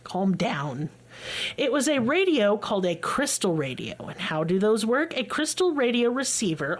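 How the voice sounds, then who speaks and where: A woman hosting a podcast, telling a story in casual chat, blunt and excitable, with swearing. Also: mid-range voice. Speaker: podcast co-host.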